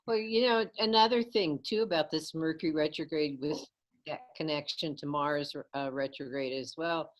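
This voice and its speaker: A middle-aged woman, an astrologer, speaking in a slow, halting, thoughtful way. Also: low-pitched. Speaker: astrologer co-host. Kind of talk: casual conversation.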